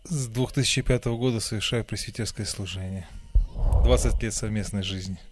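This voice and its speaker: A man in his forties, a church presbyter, briskly listing facts about himself. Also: on the low side, music in the background. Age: 40s. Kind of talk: brief self-introduction at a church gathering.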